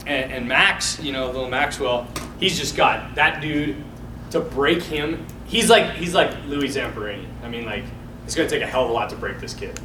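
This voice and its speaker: A priest gives an informal, sermon-like talk on parenting, rambling through stories and acting out the voices of the people he quotes. His voice is medium-pitched at a moderate pace. It's recorded in an echoey hall from a distant mic with background noise.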